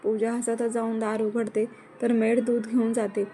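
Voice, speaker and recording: Female storyteller, slightly high voice, flat and even, measured scripted reading. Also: a little hiss or hum. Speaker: narrator.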